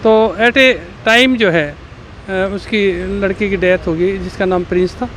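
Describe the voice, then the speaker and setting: Slow, halting man speaking outdoors. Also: high-pitched, a bit bright, slight background noise. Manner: halting, many "uh" pauses. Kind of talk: street interview.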